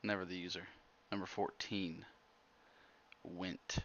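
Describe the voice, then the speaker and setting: A man's voice: low-pitched, little pitch movement, slow, a bit bright, lo-fi sound, slight background noise. A man hosting a casual livestream, laid-back and dry as he announces picks. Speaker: host.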